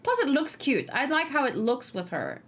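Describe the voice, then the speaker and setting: Sitting high with big pitch swings, this woman's slightly bright voice keeps a moderate pace while she hosts a game stream, musing aloud in casual talk and muttering to herself now and then. Background noise, typing and clicking fill the recording.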